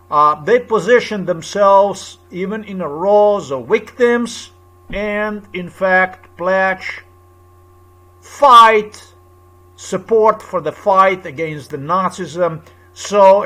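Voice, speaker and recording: A man's voice: high-pitched, bright, forceful tone. A man from Slovenia with a Slovenian accent, speaking to camera in an insistent, repetitive, lecturing monologue. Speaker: video blogger.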